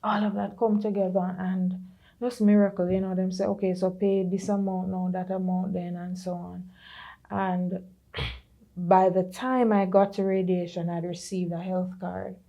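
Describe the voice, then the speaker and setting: Jamaican woman, middle-aged, warm low-brightness tone; earnest testimony with vivid patois asides. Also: unhurried. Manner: earnest, moves into patois and lively quoted voices. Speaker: podcast creator sharing her story. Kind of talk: personal testimony in conversation.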